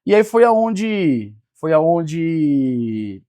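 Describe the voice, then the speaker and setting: A man's voice: fairly high pitch, big pitch swings, extremely slow, dark tone. A man, telling his life story as a podcast guest and acting out the dialogue. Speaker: guest, business mentor. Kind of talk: personal storytelling in a podcast interview.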